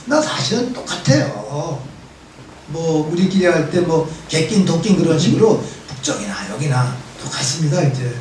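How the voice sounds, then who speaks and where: A man's voice: fairly high pitch, normal speed, slight background noise. A man in his seventies, a priest giving a conversational Bible lecture, telling stories with wry humor in a church hall. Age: 70s. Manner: lively storytelling with wry humor. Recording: very echoey church hall from far off.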